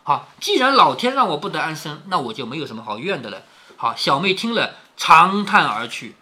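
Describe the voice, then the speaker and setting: A man's voice: on the high side, big pitch swings, brisk, bright, forceful tone. A man reading a classic novel aloud to his daughter, explaining each passage in chatty plain words and asking her questions as he goes. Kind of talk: storytelling with explanations.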